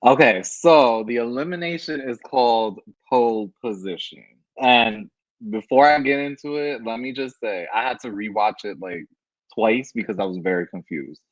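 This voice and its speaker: A man co-hosting a reality TV recap podcast, chatting casually and chiming in with playful quips. His voice sits at a middle pitch. The sound is dry and somewhat muffled. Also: moderate pace, dry recording. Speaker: podcast co-host.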